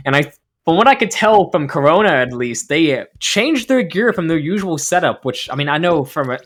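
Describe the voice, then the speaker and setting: A man with a slightly bright, mid-range voice gives analytical esports commentary. He sounds tired and worn out, and his speech is packed with "like" and "I mean."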